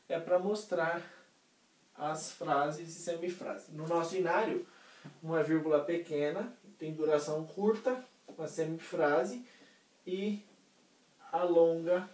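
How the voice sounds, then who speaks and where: A man's voice: fairly high pitch, a little mellow, recorded from a distance. A man teaching music theory in a casual lesson, explaining step by step, checking in with his students and singing short examples. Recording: roomy, voice somewhat off-mic.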